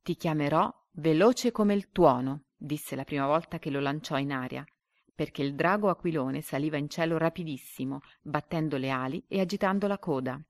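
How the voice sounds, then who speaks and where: A woman with a low voice reads a story aloud, then goes through the quiz questions. She paces the answer options slowly and deliberately. The recording is dry and close. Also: dry recording. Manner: slow and deliberate when reading quiz options.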